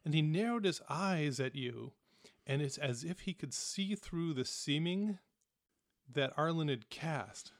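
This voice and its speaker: A man narrating a tabletop game as game master, in a relaxed, descriptive way with casual fillers. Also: fairly high pitch, unhurried, dry recording, clean studio sound.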